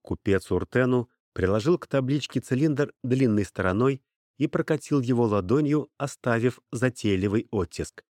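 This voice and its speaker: A man reading an audiobook as narrator in an even storytelling manner. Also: medium pitch, normal speed, no echo, studio quality. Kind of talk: scripted narration.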